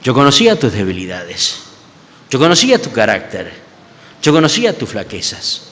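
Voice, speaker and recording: A patient divine teacher presses his questions slowly and firmly, as a man acts him out. The voice drops low yet stays bright and sharp. A long hall reverb carries every word. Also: wildly swooping pitch. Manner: low, slow, gently insistent questioning.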